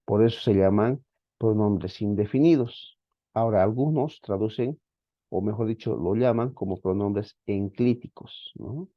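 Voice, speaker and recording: Giving a grammar lesson to an online class, a fairly low-voiced man who teaches Greek moves at a measured pace, patiently repeating himself and checking on his students. A plain lo-fi mic makes the audio dry and slightly dull, with no echo.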